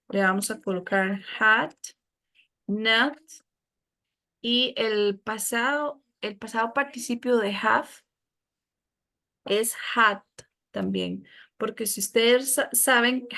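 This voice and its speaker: Slow, patient Costa Rican teacher woman. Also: a little high, vocal fry. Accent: Costa Rican Spanish. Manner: patient, explanatory, warm with students. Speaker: English teacher. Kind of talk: classroom lesson explanation.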